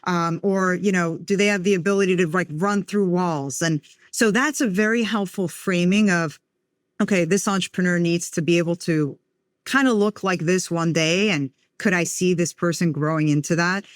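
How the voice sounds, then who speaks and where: Speaking at a moderate pace in a lowish voice, a venture investor from the United States answers podcast interview questions reflectively. She frequently uses "you know" and "um," and the studio-quality recording carries no room sound.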